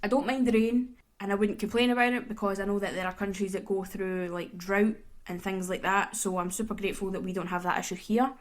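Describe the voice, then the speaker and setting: A woman's voice: medium pitch, steady tone, fairly quick. A woman with a Glaswegian Scottish accent, hosting her podcast in a casual, rambling chat full of "kinda" and "like". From Glasgow, Scotland. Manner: chatty and rambling, with many "kinda" and "like" fillers. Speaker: podcast host.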